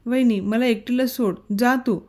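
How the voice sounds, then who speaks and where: A woman's voice: on the high side, normal speed, darkish tone, natural voice. A woman voicing a hot-tempered young woman who snaps at her family. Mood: angry. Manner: snappish.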